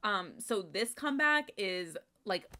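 A young woman giving casual reaction commentary on a music video, excitable and gushing, swearing casually and trailing off into restarts. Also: mid-range voice, measured pace. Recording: faint music playing behind. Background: faint music.

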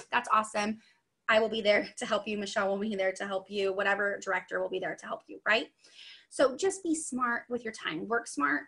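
A young woman leads a sales training over a video call, her voice a little high and very bright. She talks in a chatty, upbeat way and drifts into friendly asides. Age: young adult. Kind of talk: online training session.

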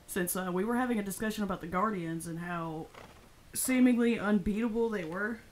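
A woman's voice: medium pitch, fairly quick, soft background music, low-quality recording. A woman hosting a casual let's-play, chatting and explaining game tips, often laughing and reading game dialogue aloud. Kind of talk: casual gameplay commentary.

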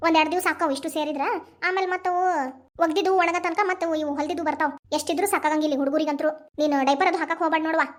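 A woman's voice: high voice, steady tone, very fast, close to an everyday voice. A woman voicing a caring middle-aged cartoon mother who chats and gives advice, with a North Karnataka Kannada accent. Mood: advising. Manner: chatty, advising. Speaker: grandmother of newborn. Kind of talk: animated cartoon family drama dialogue.

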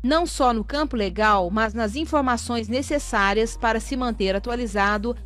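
A woman's voice: a little high, moderate pace. Woman narrating a pharmacy lesson. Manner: steady, even reading of a script. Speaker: course narrator. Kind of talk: scripted instructional narration.

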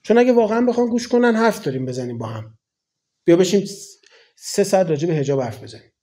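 A man's voice: sits high, lively intonation, mellow. A man in his forties from Iran, a cleric giving a colloquial, conversational sermon full of rhetorical questions. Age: 40s.

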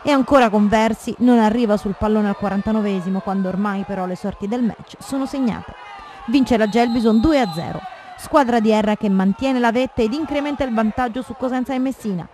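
A man reading a scripted football match report in a loud, projected delivery. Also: sits high, brisk. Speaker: football highlights narrator. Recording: noisy crowd ambience behind voice.

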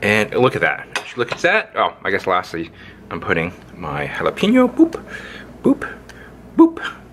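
Host, male, cooking vlogger: lively rambling delivery, bright voice, faint room hiss. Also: sits low, unhurried. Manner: playful, rambling, with sing-song sound effects. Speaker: home cook, channel host. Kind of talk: casual cooking demo. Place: indoor kitchen, overhead camera on hands.

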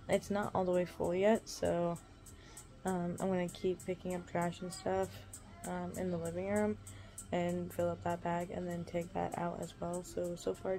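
A woman's voice: lowish voice, creaky, dark tone, poor audio. A woman in her twenties giving a casual day-recap vlog from home. She rambles with lots of "um"s, talking into a phone held at arm's length. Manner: rambling, many ums, chatty daily recap. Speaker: vlogger giving a day update. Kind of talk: casual chat. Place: home, lying on a couch and in a small room indoors.

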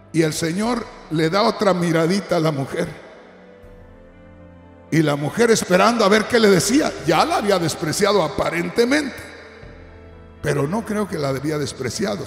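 A man pastor preaching a sermon in an animated way, shouting at peaks and speaking straight to the congregation. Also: high-pitched, creaky, echoey room, in a large hall.

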